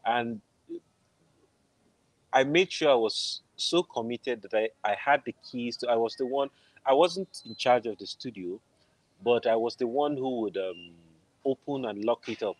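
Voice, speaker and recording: A film composer in middle age, Nigerian-accented, speaks as an interview guest on a video call from an indoor room at home, sharing a personal story conversationally. He talks at a measured pace in a mid-range voice, and the recording is dry and low in quality.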